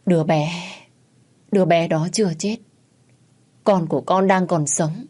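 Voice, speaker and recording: A woman's voice: measured pace, darkish tone. A woman voicing a desperate middle-aged wife and mother who pleads and cries out. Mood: dying, pleading. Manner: pleading, shrill, frantic.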